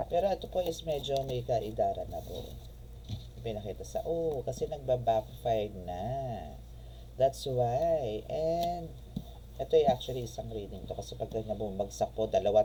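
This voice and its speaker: A man's voice: mid-range voice, warm tone, slight background noise. A man giving a casual tarot reading, chatty and polite, full of fillers and respectful asides. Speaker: tarot reader and spiritual healer.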